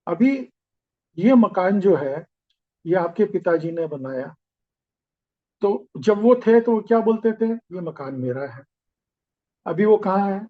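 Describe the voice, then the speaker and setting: A man voicing a calm, wise young daughter-in-law who explains patiently, on a slightly dull recording. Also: high voice, takes it slowly, pauses often, full character voice.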